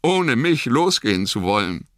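A man's voice: mid-range voice, very animated, moderate pace, fairly bright tone, no room sound, voice pushed up. A man voicing a loyal, anxious male hobbit servant who pleads and stubbornly insists in a strained, pressing voice.

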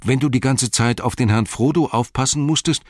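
A man voicing a sharp-tongued young hobbit woman who teases and reproaches in a raised voice. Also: mid-range voice, a little fast, no room sound, studio quality, voice pushed up, close to an everyday voice. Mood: teasing. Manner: teasing, reproachful.

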